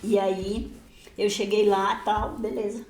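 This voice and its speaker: On a podcast, a woman pastor shares her personal testimony slowly at medium pitch in an echoey room. She's lively, laughs often, and acts out the dialogue from her story.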